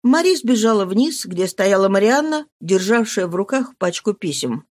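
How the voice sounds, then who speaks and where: A woman reading a novel aloud as narrator, in an expressive, dramatic manner. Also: mid-range voice, moderate pace. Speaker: audiobook reader. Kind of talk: scripted narration.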